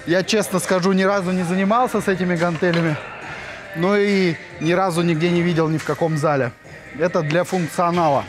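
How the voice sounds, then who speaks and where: A man's voice: high voice, steady tone, a little fast. A man in his thirties giving an enthusiastic, chatty walking tour of a large indoor gym, with frequent hesitant fillers as he shows the equipment. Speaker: fitness vlogger. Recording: music playing under the voice. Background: background music.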